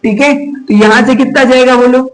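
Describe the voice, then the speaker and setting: High-voiced male physics teacher. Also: steady tone, a little fast, rough recording. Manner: chatty, scolds and teases students, mixes English terms. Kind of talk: classroom lecture.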